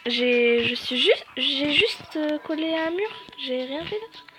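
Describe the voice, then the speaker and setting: A woman's voice: high-pitched, animated, a little slow, a crowd in the background. A young woman giving chatty, self-mocking commentary while playing a video game for her channel. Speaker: gaming YouTuber. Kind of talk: casual gameplay commentary.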